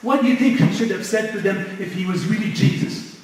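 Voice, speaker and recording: A man with a high-pitched voice gives a religious lecture in a loose, conversational way, stopping often to search for the right word. He is recorded from far off in a big, very echoey mosque hall. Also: fairly quick, a little hiss or hum. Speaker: mosque speaker.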